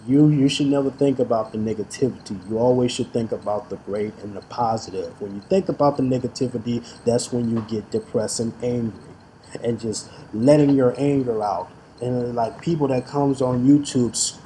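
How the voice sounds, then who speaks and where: A man's voice: medium pitch, warm tone, a little hiss or hum. A man talking casually in a vlog, often stuttering and restarting his phrases, and defiantly challenging his critics. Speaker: YouTube vlogger and figure collector.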